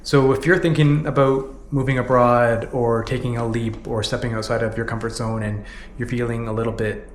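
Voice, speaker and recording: A Canadian man in his thirties narrates his own vlog, reflecting earnestly and candidly and often saying "you know." His mid-range voice stays fairly flat and moves at a normal speed. The room is echoey, with a little hiss or hum.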